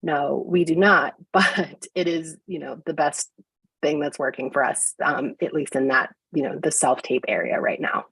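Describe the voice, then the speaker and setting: Woman, low husky voice, casting director, chatty with fillers, dry video call sound. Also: steady tone, normal speed, fairly bright tone, no echo, poor audio. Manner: chatty, frequent fillers and restarts. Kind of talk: conversational interview. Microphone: video call mic.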